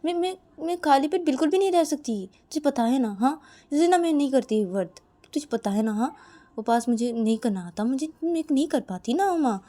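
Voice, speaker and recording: A woman voicing a loud, teasing older sister who scolds and coaxes fondly. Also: sits high, expressive, a little fast, pitched above the performer's own voice. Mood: coaxing. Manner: loud, nagging, fond scolding.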